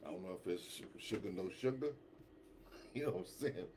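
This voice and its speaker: A man co-hosting a casual radio talk show, animated and slangy, laughing often and repeating himself. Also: deep voice, normal speed, slight background noise.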